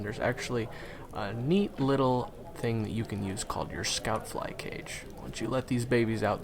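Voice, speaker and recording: Over the ambience of a busy crowd, a voice roleplay performer with a creaky, medium-pitched voice acts as a chatty guide for monster hunters. He talks straight to the listener, casual and reassuring, explaining as he goes and dropping hesitant asides.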